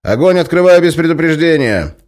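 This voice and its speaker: A man voicing a gruff, surly young prison guard who barks orders. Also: on the high side, very animated, fairly quick, pitched above the performer's own voice. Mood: barking. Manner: shouted orders, snapping.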